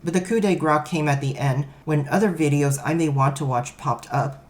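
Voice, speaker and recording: A man's voice: fairly high pitch, moderate pace. A man reading a first-person story aloud, in a wry, self-mocking storytelling manner. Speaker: narrator.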